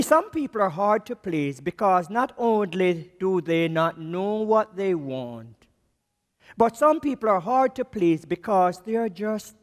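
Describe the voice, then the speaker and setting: A man with a Jamaican accent delivers a sermon at a slow, emphatic pace, dropping his voice low to land each key word. His speaking voice sits high. Long reverb from the church hall trails behind him. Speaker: missions speaker preaching.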